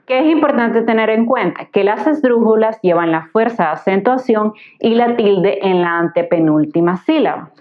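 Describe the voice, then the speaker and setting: A woman tutor giving a patient, explanatory grammar lesson, slowly sounding out words syllable by syllable. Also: mid-range voice. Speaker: Spanish tutor. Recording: slightly dull lo-fi recording.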